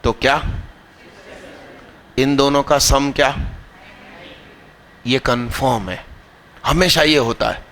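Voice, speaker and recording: Bright, slow-talking male math teacher. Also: mid-range voice, steady tone. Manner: scolding, teasing students mid-lesson; questions the class and drills terms slowly. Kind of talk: live classroom lecture.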